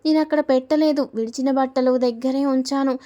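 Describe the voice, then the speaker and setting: A timid young daughter-in-law, voiced by a woman storyteller, speaks softly and innocently. Her voice sits a touch high and moves little in pitch. She sounds earnest and unguarded. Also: steady tone, brisk, lo-fi sound, close to an everyday voice.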